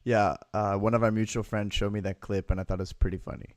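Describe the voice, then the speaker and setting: Low-voiced man with a dry close sound. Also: level tone, fast talker, dry recording. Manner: hesitant, asks questions with fillers. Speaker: podcast host. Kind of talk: casual chat.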